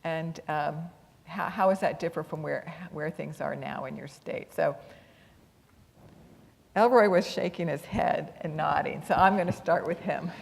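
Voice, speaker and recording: A woman with a slightly low voice moderates a panel. She talks off the cuff, halting and correcting herself. The sound carries a long hall reverb. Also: vocal fry. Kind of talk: unscripted moderating to an audience. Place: large conference hall.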